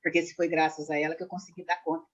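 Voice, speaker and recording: A woman in her sixties, a numerologist guest, telling animated stories quickly and emphatically in a casual video-call chat. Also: low voice, highs cut off. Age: 60s.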